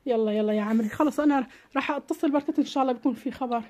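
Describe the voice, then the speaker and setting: A woman's voice: sits high, rapid-fire. A woman hosts a family vlog, coaxing and soothing someone with many endearments. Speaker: family channel host. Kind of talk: casual vlog talk to a pet or child. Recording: dull lo-fi sound, faint background noise.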